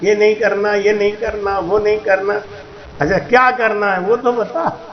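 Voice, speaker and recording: A man's voice: sits high, level tone, normal speed. A man, a spiritual teacher, giving a storytelling sermon, acting out dialogue and chanting verses. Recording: echoey, dull lo-fi hall recording.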